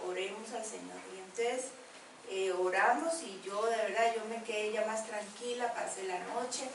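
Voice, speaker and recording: A woman's voice: medium pitch, measured pace. A woman telling an emotional personal faith story, full of fillers. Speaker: group member sharing testimony. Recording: echoey room, distant mic, background noise.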